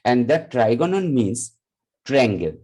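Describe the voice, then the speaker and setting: A man teaching a live class, explaining slowly and deliberately, often repeating himself. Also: medium pitch, very animated, darkish tone, poor audio. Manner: slow, deliberate explaining with repetition. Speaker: lecturer.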